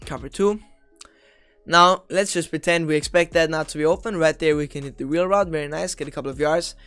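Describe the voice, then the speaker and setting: Smooth-voiced young man breaking down plays. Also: on the high side, steady tone, a little fast, fairly bright tone, no room sound, faint music behind. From Austria. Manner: chatty and analytical, with offhand jokes. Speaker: video game strategy creator. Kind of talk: casual gameplay tutorial commentary.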